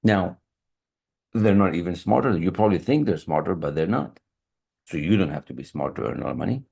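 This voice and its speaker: A man's voice: sits low, expressive, a little fast, gravelly, darkish tone, slightly rough. A man coaching in a motivational online lesson, earnest, repeating key phrases and restarting his sentences. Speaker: high performance coach. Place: online meeting room. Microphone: computer mic on a video call.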